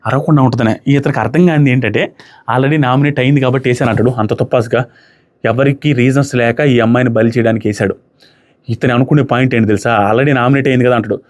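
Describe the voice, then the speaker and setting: A young man giving a casual, animated review of a reality show, acting out quotes as he retells events. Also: medium pitch, fast talker. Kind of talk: casual commentary.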